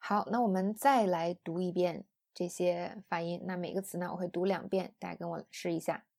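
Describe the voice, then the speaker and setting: A woman's voice: fairly low pitch, fairly even intonation, moderate pace, creaky, dark tone. A woman teaching English pronunciation in an audio lesson, explaining patiently.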